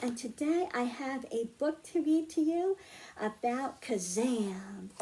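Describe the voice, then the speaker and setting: This woman's high, expressive voice is slow-paced and dark in tone, with slight background noise behind it. She's giving young children a science storytime, reading aloud, teaching hands-on, explaining simply, and asking them questions.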